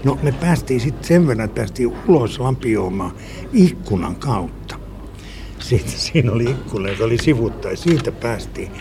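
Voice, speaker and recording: A man's voice: medium pitch, expressive, background noise. A man casually telling a long personal story, rambling and restarting as he recalls details. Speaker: interviewee recalling a snowstorm.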